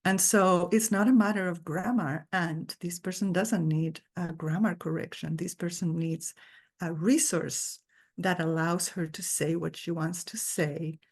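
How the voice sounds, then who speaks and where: A woman's voice: fairly low pitch, steady tone, a little slow, slightly rough. A woman guest lecturer giving an earnest, thoughtful academic talk over a video call.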